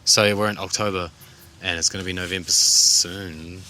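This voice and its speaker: A man's voice: low-pitched, fairly even intonation, normal speed, bright, forceful tone. A young man co-hosting a podcast, talking in a laid-back, casual way and swearing often. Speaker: podcast co-host. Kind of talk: casual chat.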